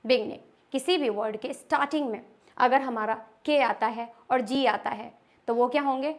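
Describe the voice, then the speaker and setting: A woman teaching English pronunciation rules step by step, reading each rule slowly and often asking whether it is clear. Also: high-pitched. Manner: reads English rules slowly, then explains in Hindi. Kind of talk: classroom-style pronunciation lesson.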